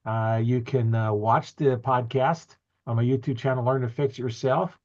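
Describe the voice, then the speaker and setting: A man's voice: mid-range voice, steady tone, normal speed, darkish tone, lo-fi sound. A man hosting a podcast interview over a video call, talking in a folksy, rambling way with fillers. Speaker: podcast host.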